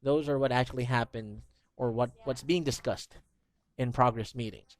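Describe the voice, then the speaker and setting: Over a video call, a man gives a one-on-one English lesson, patiently explaining new vocabulary with everyday examples and leaning often on "you know." His voice is medium-pitched and steady, at normal speed.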